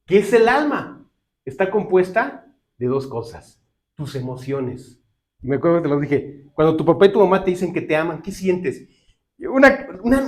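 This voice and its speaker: A man with a Mexican Spanish accent preaches a sermon in a high voice. His delivery is conversational rather than formal. He keeps checking in with the congregation as he talks. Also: a little hiss or hum. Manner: conversational preaching with frequent tag questions. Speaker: pastor.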